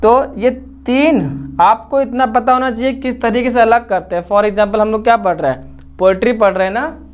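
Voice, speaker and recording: This is a classroom-style lecture video in which a man teaches literature, explaining things step by step and often checking that students are following. His voice sits high, his speed is normal, and the audio sounds dull.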